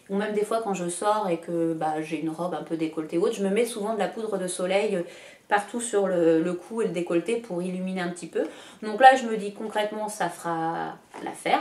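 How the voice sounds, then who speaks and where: A woman's voice: medium pitch, darkish tone. A woman from France chatting casually about her shopping haul, with many hesitations and self-mocking asides. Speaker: beauty vlogger. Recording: echoey room.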